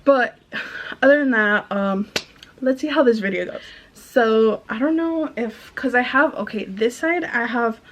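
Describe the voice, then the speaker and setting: A woman's voice: fairly high pitch, a little slow, a little hiss or hum. A young woman telling a rambling retail storytime while doing her makeup at home, chatty, full of fillers and restarts. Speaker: vlogger. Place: bedroom in an apartment.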